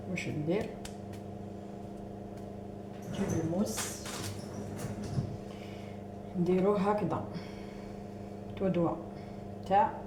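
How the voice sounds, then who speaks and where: A woman with an Algerian Arabic accent hosting a cooking show in a kitchen, talking viewers through each step as she works. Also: fairly low pitch. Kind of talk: cooking demonstration. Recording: echoey room with background noise.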